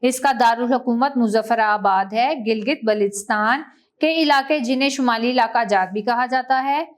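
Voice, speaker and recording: A woman teacher, reading a school textbook lesson aloud slowly and clearly to children. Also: on the high side. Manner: slow, clear classroom reading, stressing each word in lists.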